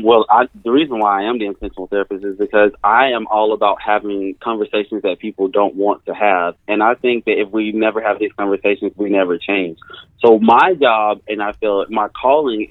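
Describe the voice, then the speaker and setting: A man's voice: fairly low pitch, dry recording. A male therapist from California, speaking earnestly and emphatically as a guest in an interview, repeating his key phrases. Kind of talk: conversational interview. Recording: tinny phone-line sound.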